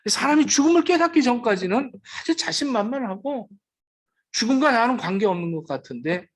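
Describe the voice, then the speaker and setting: A man's voice: very high voice, expressive, brisk. A man preaching a sermon as pastor, dramatic, acting out the quoted words of the dying. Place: church sanctuary.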